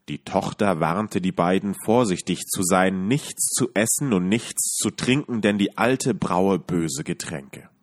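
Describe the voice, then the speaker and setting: A man calmly reading a fairy tale aloud as a podcast storyteller. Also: low-pitched. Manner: calm, measured reading.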